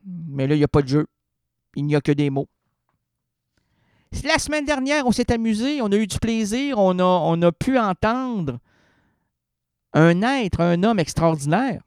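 A man's voice: sits high, lively intonation, measured pace, pauses often, a little mellow, smooth, no echo, clean studio sound. A man hosting a radio show, reading poetry and rambling with jokes and word play. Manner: rambling, self-interrupting, jokey with sudden singing and word play. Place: radio studio.

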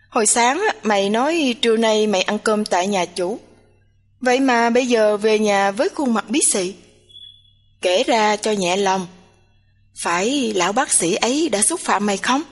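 A woman's voice: medium pitch, moderate pace, faint music behind, close to an everyday voice. A woman voicing a blunt, teasing young female roommate who nags and chatters in a storybook reading. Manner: nagging, bossy, chattering. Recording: long hall reverb.

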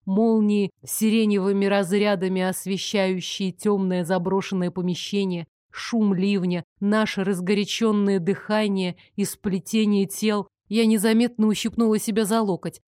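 Mellow woman narrating an audiobook. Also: medium pitch, flat delivery, moderate pace, hardly any pauses, no room sound, clean studio sound. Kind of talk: first-person audiobook narration. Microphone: close home-recorded mic.

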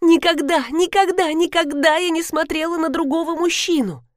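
A woman voicing a crying young wife who pleads with her husband in a high, sobbing voice. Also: expressive, slow, no echo, clean studio sound, heavily acted. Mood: pleading.

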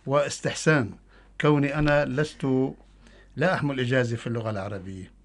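A man's voice: medium pitch, steady tone, quick pace. Syrian-accented man answering interview questions. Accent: Syrian Arabic. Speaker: poet, interview guest. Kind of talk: interview answers, mixing formal and colloquial speech.

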